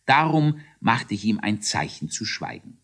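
A man giving an expressive storybook reading for children, shifting into voices for the characters. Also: fairly low pitch, a little slow. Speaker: narrator.

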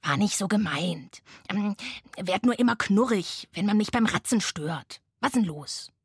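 A woman voicing a grumpy but easygoing sloth in a bedtime story, with gruff, slangy, drawling speech. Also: mid-range voice, expressive, a little slow, no echo, clean studio sound. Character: grumpy, laid-back lazy sloth.

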